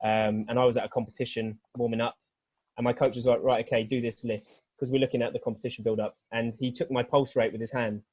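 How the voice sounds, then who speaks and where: A man's voice: mid-range voice, flat delivery, quick pace, darkish tone, breathy edge, no echo. A man from Britain, a weightlifting coach, explains his ideas at length on a group video call. His voice sits mid-range and sounds dry and close, and he often restarts his sentences while thinking aloud. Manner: earnest, rambling explanation with many restarts. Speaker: weightlifting coach, guest speaker.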